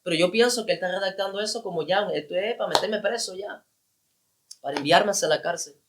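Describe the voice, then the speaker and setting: Male evangelist, high-pitched, telling his story with feeling and repetition. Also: fast, noisy background. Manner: emotional, repeats phrases for emphasis. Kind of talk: personal testimony.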